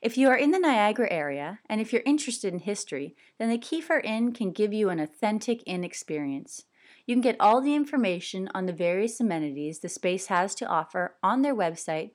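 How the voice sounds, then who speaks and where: A woman from Canada who hosts a podcast, reading her narration in a measured way from a script. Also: medium pitch, lively intonation. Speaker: podcast host. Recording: narration with music underneath.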